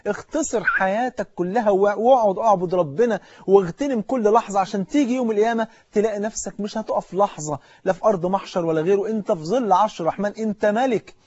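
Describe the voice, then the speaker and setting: A man's voice: high-pitched, fast talker, darkish tone, muffled recording, a little hiss or hum. A man with an Egyptian Arabic accent preaching a sermon, fervently urging the listener directly.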